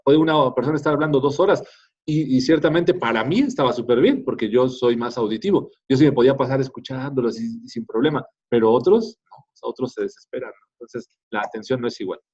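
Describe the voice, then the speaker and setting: Man, teacher, conversational lecture, husky voice, muffled sound. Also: mid-range voice, fast, a little mellow. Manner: conversational, tags many phrases with "¿no?". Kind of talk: classroom lecture. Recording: dull lo-fi classroom recording.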